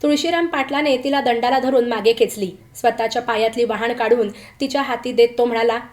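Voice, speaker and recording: A woman tells a tale in a scripted, dramatic reading voice, sitting a little above the usual pitch for women. She takes her time over the quoted lines and gives them a rougher rural flavor. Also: fairly quick, darkish tone. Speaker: storyteller. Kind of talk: scripted story narration.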